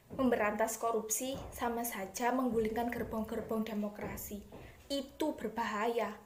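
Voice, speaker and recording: Smug corrupt official, played by a woman, satirical stage monologue. Higher register, hammy oratory, very roomy echo. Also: a little hiss or hum, natural voice. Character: smug, self-righteous corrupt official proudly confessing. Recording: echoey room.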